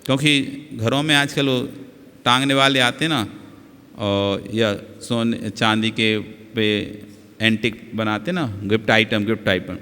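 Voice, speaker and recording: Bright-voiced monk preaching in a reverberant hall. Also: male voice, fairly low pitch, steady tone, a little slow, smooth. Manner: emphatic, repeats words to drill pronunciation. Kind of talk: sermon.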